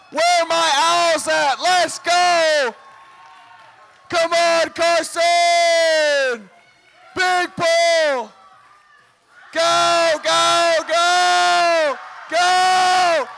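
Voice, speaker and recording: A man announcing a powerlifting meet live, working up the crowd like a showman with booming calls, drawn-out numbers and urging. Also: flat delivery, pushed and bright. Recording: crowd noise in a live venue.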